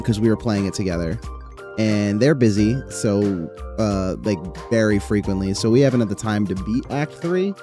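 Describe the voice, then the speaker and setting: A man's voice: medium pitch, mellow. A young man chatting casually on a live stream, rambling with lots of fillers and casual swearing.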